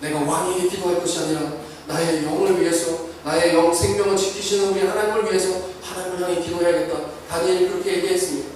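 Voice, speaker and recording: High-voiced pastor preaching in an echoey hall. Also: male voice, little pitch movement, fast talker, recorded from a distance, a little hiss or hum. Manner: preaching with rising, fervent emphasis. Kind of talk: sermon. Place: church sanctuary. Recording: echoey church hall, voice from afar.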